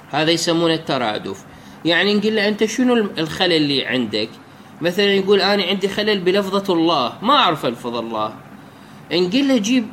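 A man's voice: high-pitched, a bit bright, a little hiss or hum. A man teaching a religious law text in a colloquial lecture, explaining step by step and asking himself rhetorical questions.

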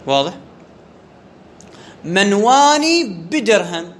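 A man with a high, slightly bright voice gives a classroom lecture on Arabic grammar, speaking slowly with big swings in pitch. He asks the class questions, answers them himself, and repeats the key terms.

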